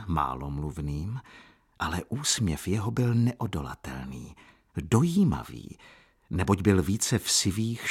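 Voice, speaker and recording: Male audiobook narrator, husky, low-pitched, measured delivery. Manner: measured, unhurried storytelling.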